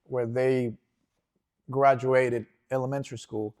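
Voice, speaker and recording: A man's voice: medium pitch, takes it slowly. Easygoing man telling his life story. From Venezuela. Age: 40s. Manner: relaxed, rambling storytelling with frequent fillers and restarts. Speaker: jiu-jitsu instructor, guest. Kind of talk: casual interview.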